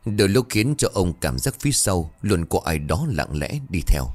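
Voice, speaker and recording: A man narrating a horror story in a measured, suspenseful way. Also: low voice, very animated.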